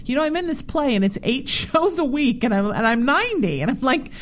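A woman's voice: high-pitched, sing-song, brisk. A woman in her forties hosting a talk show, chatting casually and telling stories with animation. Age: 40s. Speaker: show host.

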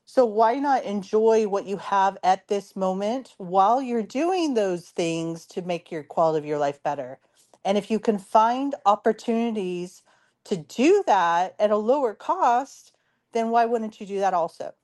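A woman hosting a casual radio talk show in a chatty, informal, giggly way, her voice hoarse and worn from too much talking. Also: mid-range voice, expressive, a little slow, a little mellow.

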